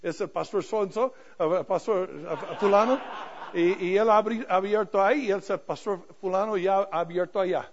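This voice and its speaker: An older man preaches a sermon in a raised, gravelly voice. He tells self-mocking stories, drops to quiet asides and then climbs to loud emphatic points. The recording sounds dull and lo-fi. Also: high-pitched, normal speed. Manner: storytelling with self-deprecating humor, swinging from soft to loud. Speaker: pastor.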